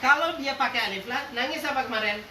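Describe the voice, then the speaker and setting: A man's voice: very high voice, crowd noise. Playful male teacher in an echoey classroom. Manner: playful, quizzes the class and jokes; drawls out example words slowly. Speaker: religious teacher. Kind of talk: classroom lesson with call-and-response. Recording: roomy, distant classroom recording with faint noise.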